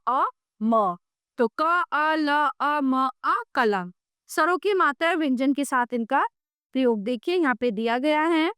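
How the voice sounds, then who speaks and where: A woman's voice: high-pitched, fairly bright tone, no room sound, studio quality. A woman teacher giving a grammar lesson to young children, patiently checking that they follow and spelling out sounds one by one.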